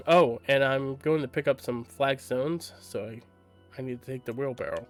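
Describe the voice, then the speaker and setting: A man's voice: medium pitch, measured pace, soft background music, lightly acted. A man reading aloud and voicing a stubborn, feisty young girl who talks bluntly and with sass. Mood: blunt sassy. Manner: blunt, sassy, exasperated.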